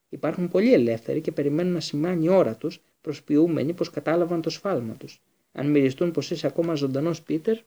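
A man's voice: a little high, warm tone. A man voicing a bitter escaped male prisoner in an audiobook reading, fierce and accusing in delivery.

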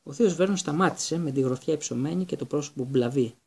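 A man narrating an audiobook in an even, storytelling manner. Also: fairly high pitch, gravelly, slightly rough. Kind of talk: scripted narration.

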